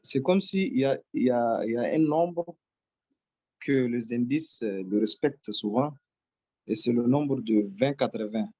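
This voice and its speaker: A man's voice: mid-range voice, measured pace, warm tone, dry recording. A man asking a trading question on a video call, speaking politely and hesitantly.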